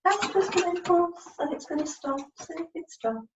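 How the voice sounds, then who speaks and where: Her voice is very high and animated, at a normal speed, as she works one-to-one with a student indoors over a video call. A communication support worker, she patiently spells out letters and gives brief, encouraging directions to help the student spell and write. Picked up by a distant computer mic, the sound is dull, roomy and noisy.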